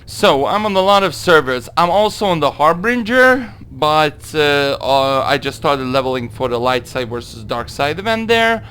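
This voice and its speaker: A young man from Hungary with a Hungarian accent, answering viewer questions in a casual gaming Q&A, halting through his English with many fillers. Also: fairly high pitch, expressive, bright, forceful tone, clean tone. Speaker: gaming video creator. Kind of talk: casual Q&A monologue.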